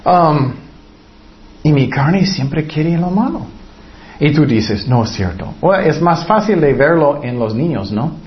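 A man's voice: a little high, animated, unhurried. A man preaching a sermon, asking rhetorical questions and acting out quoted voices with lots of animation. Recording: dull lo-fi recording.

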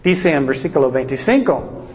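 A man preaching a sermon, repeating key words for emphasis and reading scripture slowly and deliberately. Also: mid-range voice, expressive, in a large hall. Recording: dull lo-fi recording.

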